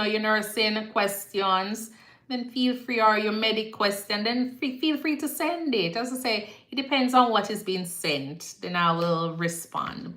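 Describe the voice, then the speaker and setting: A woman's voice: on the high side, sharp tone. A woman with a Jamaican accent, a nurse hosting a casual live Q&A, chatty and repetitive, slipping into patois phrasing now and then. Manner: chatty, repeats herself, slips into patois phrasing. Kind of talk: casual live-stream chat answering viewer comments. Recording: echoey room.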